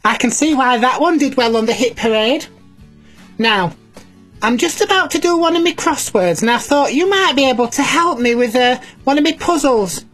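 Cheeky granny, put on by a woman, high voice, faint music behind. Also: lively intonation, moderate pace, a bit bright, poor audio. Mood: cheery. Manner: chatty, cheeky, talks to children at home. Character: chatty elderly granny cleaner, cheeky and homely. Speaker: children's show presenter in character.

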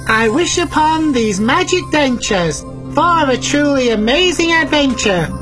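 Cheeky granny, put on by a woman, high voice, faint music behind. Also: lively intonation, a little slow, low-quality recording. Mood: cheery. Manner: chatty, cheeky, talks to children at home. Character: chatty elderly granny cleaner, cheeky and homely. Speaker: children's show presenter in character.

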